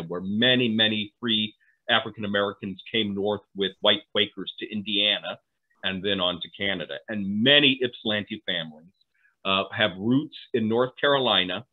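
A middle-aged man giving an online history lecture from home on a video call, talking conversationally with asides and tag questions. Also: fairly low pitch. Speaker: historian presenting a talk. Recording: phone-like narrow audio.

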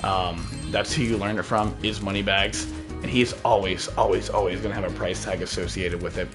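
Guy streaming a game, lowish voice, rambly slangy commentary, game music quietly behind. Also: fairly even intonation, a little fast. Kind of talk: casual gameplay commentary.

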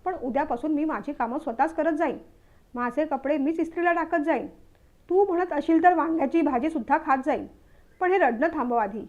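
A woman reading the part of a young newlywed husband who is short-tempered but caring, snapping when irritated and going soft when he apologizes. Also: high voice, fairly quick, highs cut off, close to an everyday voice. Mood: gentle, apologetic.

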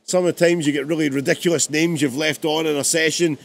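A man's voice: on the high side, steady tone, fairly quick, vocal fry. A man, a music producer, talks casually through his song in a live-streamed production tutorial, chatty and rambling.

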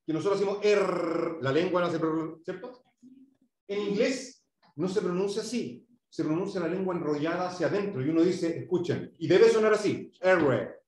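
A man's voice: high-pitched, a little mellow. A man teaching an English class, patiently explaining and modelling pronunciation for his pupils. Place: school classroom. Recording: echoey classroom, far from mic, dull.

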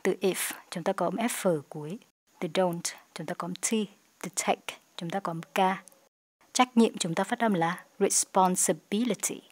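A woman with a Vietnamese accent teaching an English lesson, explaining in Vietnamese and reading English example sentences slowly and clearly. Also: fairly low pitch, no room sound. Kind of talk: language lesson narration.

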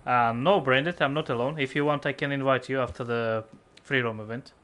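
A man's voice: mid-range voice, a little fast. A man in his forties streaming a game live from home on a headset, reading and answering his viewers' chat. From lives in the United Kingdom. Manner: relaxed, chuckles often, reads and answers chat; yelps and pleads when under attack in game. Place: home room.

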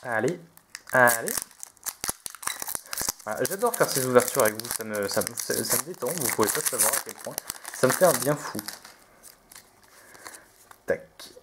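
A man's voice: medium pitch, expressive, moderate pace, long pauses, noisy background. Guy doing a chill card unboxing at his table, talks a lot, restarts his sentences, lists every card. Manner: chatty, reads out each card name, hesitant restarts. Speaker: video host opening trading card packs. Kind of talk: relaxed unboxing commentary.

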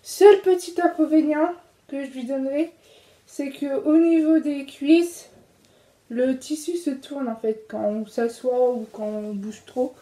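A young woman with a French accent talks through her shopping haul in a loose, chatty way, stopping on fillers and correcting herself as she goes. Her voice sits high but has a soft, mellow tone. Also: measured pace. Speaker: fashion vlogger. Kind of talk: casual clothing haul.

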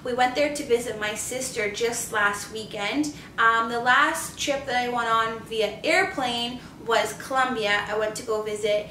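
A woman in her twenties from Canada, chatting to camera as a beauty vlogger in an upbeat, quick way. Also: fairly high pitch, steady tone, bright, forceful tone, a little hiss or hum. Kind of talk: casual chat to camera. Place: living room or home office, indoors. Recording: roomy, slightly distant sound.

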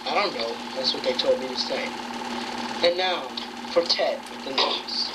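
Woman on hissy old VHS tape. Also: extremely low pitch. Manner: giggly, drawn-out singing. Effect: old home VHS tape recording. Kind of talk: silly parody carol singing.

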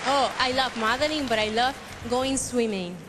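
A woman's voice: fairly high pitch, moderate pace, a crowd in the background, background noise. A woman in her twenties with a Puerto Rican accent, a native Spanish speaker, giving a poised, friendly pageant answer. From Puerto Rico. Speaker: beauty pageant contestant.

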